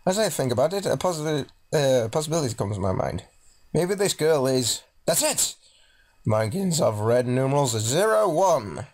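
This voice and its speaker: Very animated and medium-pitched, with a darkish tone, this man speaks at a moderate pace. He's doing a let's play, giving visual novel narration a dramatic reading and adding casual, jokey asides, with game music in the background.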